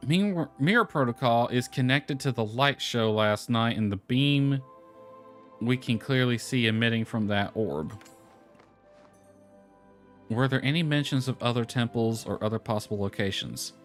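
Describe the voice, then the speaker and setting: With lo-fi music playing behind him, a man streams a video game live, reading on-screen text and muttering casually to himself. He has a mid-range voice with lively intonation and an unhurried delivery.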